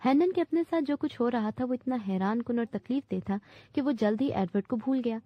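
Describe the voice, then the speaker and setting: A woman narrating a translated classic novel in a steady, clear reading voice. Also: fairly high pitch, no echo. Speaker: audiobook narrator. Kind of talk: scripted storybook narration. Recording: dull dry recording.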